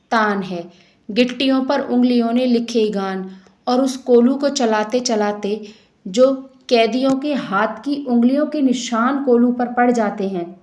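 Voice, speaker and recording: Higher-pitched woman teaching a Hindi poem. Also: mellow. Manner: reads verses slowly, then paraphrases in plain words. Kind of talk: explaining a poem line by line.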